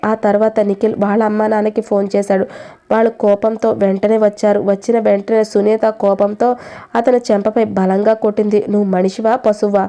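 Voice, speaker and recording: Steady mellow woman narrating a love story. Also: mid-range voice, fairly quick. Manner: steady, even reading with small restarts.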